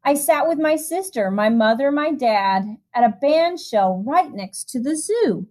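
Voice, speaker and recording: A high-voiced woman reads a picture book aloud to small children, sounding much like a music teacher. Her storytelling is lively and expressive, moving between the verses and friendly asides to the kids, and she takes her time.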